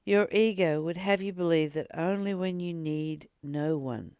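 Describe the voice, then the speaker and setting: In a clean studio recording free of echo, a woman with a fairly low, smooth, darkish voice offers a spiritual teaching. As the channel's host, she reads and remarks informally in an earnest, measured way, with many pauses and emphatic repetition.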